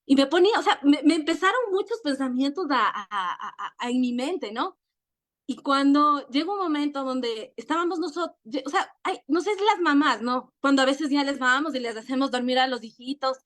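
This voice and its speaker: A middle-aged woman with an Ecuadorian accent telling her personal story in an emotional, earnest way, often halting and repeating words. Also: sits high, a bit bright. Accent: Ecuadorian Spanish. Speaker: network marketing leader. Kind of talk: personal testimony.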